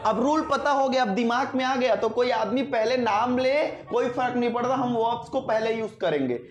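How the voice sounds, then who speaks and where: A man's voice: extremely high pitch, normal speed. A man teaching spoken English in a chatty lesson, who keeps asking his listeners whether they follow. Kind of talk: informal video lesson. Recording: echoey room with music behind.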